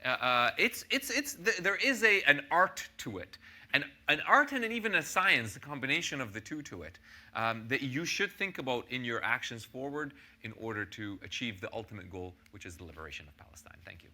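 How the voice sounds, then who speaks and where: A man's voice: mid-range voice, sing-song, a little fast, bright, forceful tone. A man, a professor, giving earnest closing remarks at a public talk, searching for words with many restarts.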